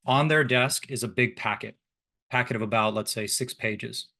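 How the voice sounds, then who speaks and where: A man's voice: medium pitch, steady tone, normal speed, bright, forceful tone. A man leading an online teacher workshop, talking casually and addressing the group directly over a video call mic. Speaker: instructor leading a workshop session.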